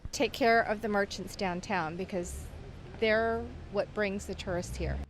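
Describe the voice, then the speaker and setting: A woman's voice: medium pitch, steady tone, measured pace, a little hiss or hum, rough recording. A woman stopped on the street, giving short, offhand answers. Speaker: passer-by.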